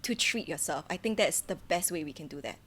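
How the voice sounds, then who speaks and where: A woman's voice: low voice, lively intonation, fast talker, fairly bright tone, breathy edge. A woman with a Singaporean accent co-hosting a podcast, chatting casually in colloquial Singlish. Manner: colloquial Singlish with sentence particles. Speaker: podcast co-host. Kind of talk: casual chat.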